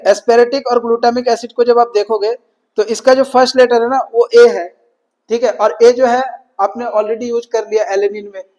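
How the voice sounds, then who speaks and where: A man's voice: very high voice, a little mellow, poor audio. A man giving an exam-prep lecture, switching between Hindi and English, asking questions and answering them himself. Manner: mixes Hindi and English, repeats "ठीक है" often. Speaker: teacher.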